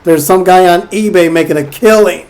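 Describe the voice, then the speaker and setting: Man, high voice, crude jokes, casual podcast banter, laughs a lot. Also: normal speed, a little mellow, poor audio. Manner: crude, joking, laughs often. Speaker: podcast co-host.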